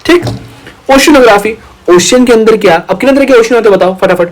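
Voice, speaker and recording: A man's voice: sits high, fast talker, a little hiss or hum, low-quality recording. A young man teaching an online exam-prep lecture, talking playfully and teasing his students as their big brother.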